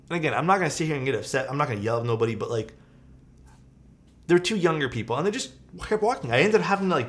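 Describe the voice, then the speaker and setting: A man in his thirties chatting casually on a livestream, venting and rambling with many fillers and some swearing. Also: mid-range voice. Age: 30s. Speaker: keyboard-building streamer. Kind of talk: casual livestream chat reading viewer comments.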